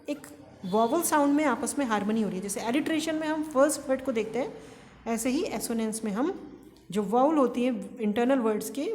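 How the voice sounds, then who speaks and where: A woman's voice: on the high side, a little mellow, big-room sound, slight background noise. A woman lecturer with an Indian English accent explaining to her class in Hindi and English, asking questions and answering them herself. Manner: explains step by step, asks and answers own questions.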